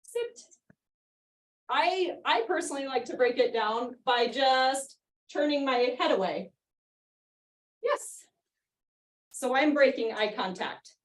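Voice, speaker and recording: A young woman with a high voice leads a live online dog training session. She explains each step in a friendly, chatty way and giggles often. Her voice comes through a video call. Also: expressive, unhurried, pauses often. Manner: chatty, giggly, gives short cues to a dog.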